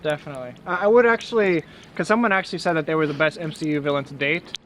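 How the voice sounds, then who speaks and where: A man's voice: fairly high pitch, very fast, fairly bright tone, slight background noise. A young man co-hosting a casual vlog outdoors in the snow, reading viewer comments and chatting with hesitant fillers and restarts. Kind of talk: casual chat.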